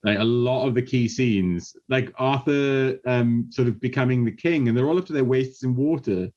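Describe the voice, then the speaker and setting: A man's voice: medium pitch, moderate pace, a little mellow. Guy chatting about movies, muffled lo-fi sound, mid voice. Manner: chatty, laughs between points. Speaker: film podcast panelist. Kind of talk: casual chat. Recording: dull lo-fi audio.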